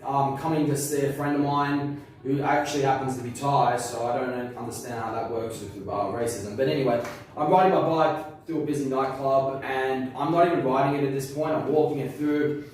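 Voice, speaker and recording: A man's voice: medium pitch, steady tone, brisk, a little mellow. A young man tells his side of the story in a casual interview, rambling and swearing freely. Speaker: interview guest. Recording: very echoey room from far off.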